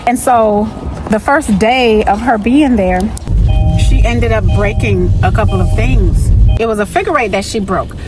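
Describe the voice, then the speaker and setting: A woman in her thirties, born in the Bahamas and raised in Miami, candidly tells a story in a casual vlog, often adding "you know." Her voice is on the high side and a little slow. Music plays under her, and the recording is rough.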